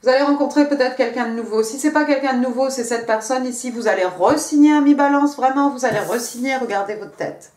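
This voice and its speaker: A woman giving a casual tarot reading, talking straight to the viewer in a chatty, halting way, repeating herself and filling pauses. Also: sits high, a little mellow. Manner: chatty, halting, repeats words, many fillers; speaks directly to the viewer. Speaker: tarot card reader. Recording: echoey room.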